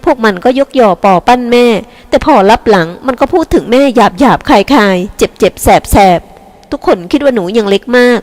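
A woman voicing a resentful teenage girl who speaks slowly and bitterly about her mother, in an audiobook with long reverb. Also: on the high side, darkish tone, pitched above the performer's own voice, close to an everyday voice. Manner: resentful, cutting, slow and emphatic.

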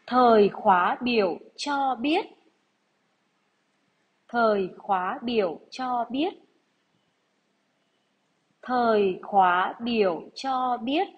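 A woman primary school teacher giving a dictation lesson to young pupils, deliberate and measured, repeating phrases. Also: on the high side, breathy edge, lo-fi sound.

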